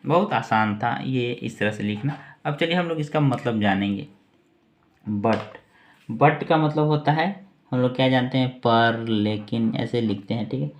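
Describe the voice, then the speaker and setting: Male tutor, unhurried delivery, middle pitch, spells words letter by letter, patient repetition. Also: muffled recording. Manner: spells words out letter by letter and repeats them slowly; keeps checking in with "ठीक है". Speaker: English teacher. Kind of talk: spelling and vocabulary lesson.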